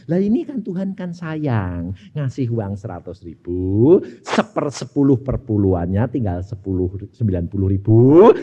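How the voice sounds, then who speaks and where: Animated Javanese-accented preacher, lo-fi recording. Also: male voice, medium pitch, slightly rough. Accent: Javanese Indonesian. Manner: animated storytelling, switching into dialogue voices. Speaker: pastor. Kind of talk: sermon with acted-out anecdote.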